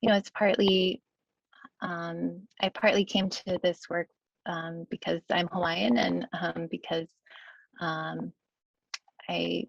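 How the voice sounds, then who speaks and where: Woman with a low gravelly voice. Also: level tone, takes it slowly, pauses often, no room sound, low-quality recording. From United States, Kentucky. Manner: hesitant, many fillers and "right?" tags. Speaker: guest scholar. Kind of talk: online Q&A answer.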